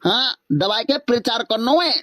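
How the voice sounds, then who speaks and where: A woman's voice: on the high side, lively intonation, normal speed, fairly bright tone, no echo, clean studio sound. Woman pleading in a village comedy skit. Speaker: comic sketch performer.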